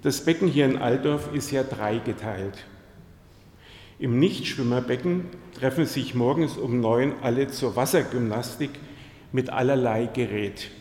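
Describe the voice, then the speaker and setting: A pastor delivers a sermon in an echoey church hall, his medium-pitched, darkish voice moving at an unhurried pace. He tells personal stories and turns to the congregation with direct questions.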